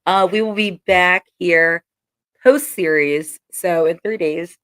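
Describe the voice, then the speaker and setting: A woman hosts a sports podcast with a teasing, giggly manner. Her voice sits a little low for a woman. The sound is close and dry, without room echo. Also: takes it slowly, fairly bright tone, clear, resonant tone. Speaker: podcast co-host. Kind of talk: casual sports podcast banter.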